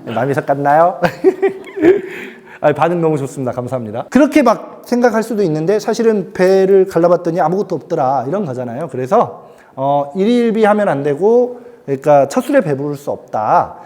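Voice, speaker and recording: Animated high-voiced male union lecturer. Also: normal speed. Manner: animated, plays out quoted voices and regional dialect lines. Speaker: union educator. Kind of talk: lively lecture to new union members.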